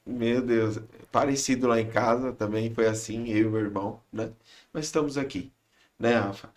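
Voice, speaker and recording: A man with a Brazilian Portuguese accent hosting a podcast, chatting in a relaxed, joking way and chipping in with short reactions. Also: mid-range voice, moderate pace. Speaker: podcast host. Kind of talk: casual chat.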